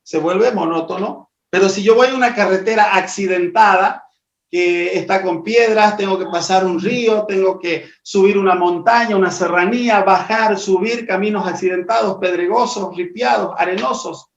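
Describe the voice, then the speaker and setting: Male trainer, high voice, didactic webinar delivery, distant dull audio. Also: normal speed, echoey room. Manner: didactic, asks rhetorical questions. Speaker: presentation skills trainer. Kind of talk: live webinar lesson. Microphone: video call.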